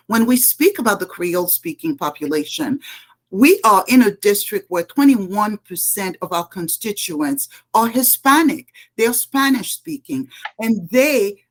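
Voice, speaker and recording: Earnest Haitian-born woman candidate. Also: mid-range voice. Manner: earnest, emphatic, lists points. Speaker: political candidate. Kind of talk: panel interview answers.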